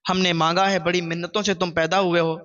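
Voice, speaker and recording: A man voicing a patient, elderly father who speaks softly and pleadingly to his son. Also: flat delivery, muffled recording. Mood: pleading, tender. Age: older. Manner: soft, pleading, low. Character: gentle old father, patient, tearful.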